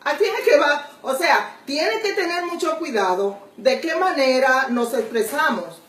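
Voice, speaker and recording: A woman gives a Bible grammar lesson at an unhurried pace, repeating each example and turning to the listener with questions. Her voice sits high. The recording is roomy and echoey, with the mic set back from her. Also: lively intonation, fairly bright tone. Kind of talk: slow explanatory lesson. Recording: echoey room, voice from far off.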